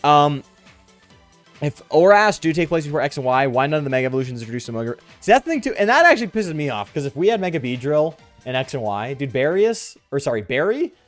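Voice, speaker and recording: Livestreaming a game with music in the background, a man talks like a frat bro, peppering his casual chat with "bro" and "dude." His fairly high voice is very animated and fast, picked up on a close microphone.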